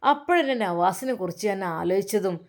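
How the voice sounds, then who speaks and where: A woman's voice: mid-range voice, lively intonation, fairly quick, natural voice. A woman voicing a worried, talkative middle-aged village woman with a Malappuram Malayalam accent, rambling and pleading as she confides in an older relative. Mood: apologetic.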